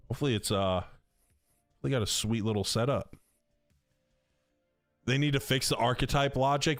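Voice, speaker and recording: A man's voice: lowish voice, no room sound, studio quality. A man in his thirties streaming a football video game, talking in a loose, slangy way with lots of fillers. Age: 30s. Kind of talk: casual live-stream chat.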